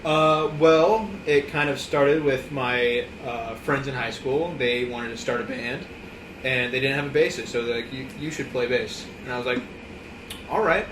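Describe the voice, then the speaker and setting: A young man, a bassist and music student, answering earnestly and haltingly with many pauses. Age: young adult. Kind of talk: casual interview answers. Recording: echoey room, far mic, background hum.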